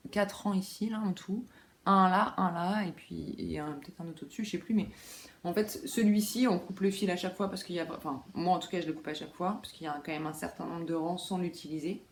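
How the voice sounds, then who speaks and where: A woman's voice: on the low side, a little hiss or hum. Chatty woman in an echoey room. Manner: chatty, many fillers and asides. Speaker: knitting podcast host. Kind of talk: casual chat. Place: room at home by a window.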